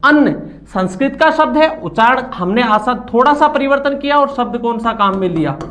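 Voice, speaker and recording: A man's voice: very high voice, animated, moderate pace, a bit bright. A man teaching a grammar lesson from slides. He asks questions and answers them himself, and has the class repeat words after him.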